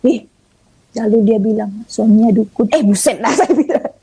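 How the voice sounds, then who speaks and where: A woman from Indonesia tells her testimony in a conversational, animated way and acts out each line of quoted dialogue. Her voice sits a little high and is soft and husky with a mellow tone. The sound is dry and close. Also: moderate pace, no echo, poor audio. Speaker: guest giving a testimony. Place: online audio room.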